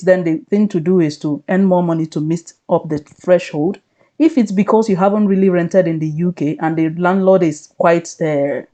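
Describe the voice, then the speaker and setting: Casual adviser, mellow and reassuring, explains step by step, slightly lo-fi recording. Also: mid-range voice. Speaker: vlogger advising on living and studying in the UK. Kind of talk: casual explanatory advice to camera.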